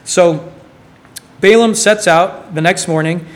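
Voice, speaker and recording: A man preaching a sermon, retelling a Bible story with quick, playful voiced asides for its characters. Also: high-pitched.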